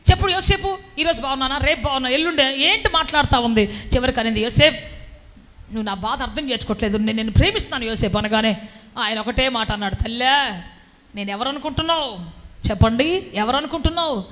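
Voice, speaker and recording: A woman delivers a lively sermon in a high, ringing voice. She acts out little stories and bursts into shouted exclamations. A long reverb trails her words. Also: fast. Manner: animated, breaks into shouted exclamations. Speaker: preacher.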